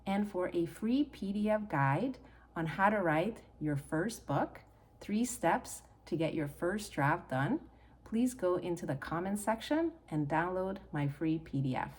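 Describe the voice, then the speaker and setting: A middle-aged woman from Hungary, speaking with a Hungarian accent, addresses her channel in an animated, earnest and encouraging way. Her voice is on the low side, darkish and slightly rough, at a measured pace, in a personal talk to camera.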